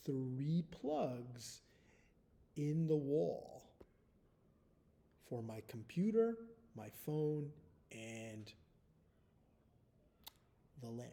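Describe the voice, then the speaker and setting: A man teaching first graders, dictating a spelling test slowly and deliberately, repeating each word and sound and spelling letters out. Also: mid-range voice, warm tone.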